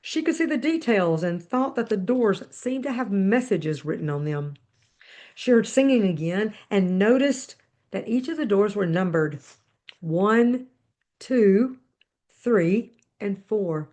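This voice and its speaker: A woman with a mid-range voice reads a story aloud for a podcast, pausing now and then to speak to her listeners. Her delivery is measured and expressive. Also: medium pitch. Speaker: podcast host. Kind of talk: reading her book aloud with brief commentary.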